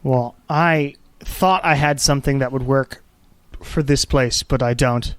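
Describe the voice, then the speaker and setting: Halting man narrating as game master. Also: mid-range voice, no echo. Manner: halting, searching for words as he describes scenes. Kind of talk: improvised tabletop game narration and casual chat.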